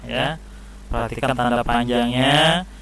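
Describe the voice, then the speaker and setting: A man's voice: mid-range voice, measured pace, fairly bright tone, rough recording. A man teaching young children how to recite and write a short scripture passage, explaining patiently step by step. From Indonesia. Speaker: Islamic studies teacher. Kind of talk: classroom lesson for children.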